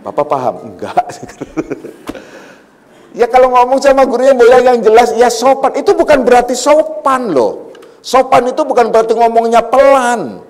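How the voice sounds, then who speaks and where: A middle-aged man giving a conversational religious lecture as a spiritual teacher, relaxed and joking, telling personal anecdotes. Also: extremely high pitch, moderate pace. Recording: long reverb of a hall.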